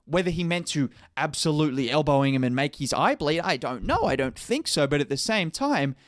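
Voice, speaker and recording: Young man, sports commentary, rambling, opinionated, slightly high voice. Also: animated, brisk, no room sound, clean studio sound. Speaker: basketball commentator.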